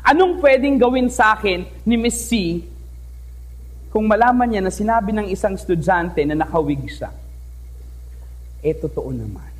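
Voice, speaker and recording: A man's voice: sits high, moderate pace, pauses often. A young man from the Philippines telling a personal story to a live audience on stage, playful and talkative, often asking the crowd questions. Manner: lively, playful, switches between languages, asks the audience questions. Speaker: teacher giving a talk. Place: stage in an event hall.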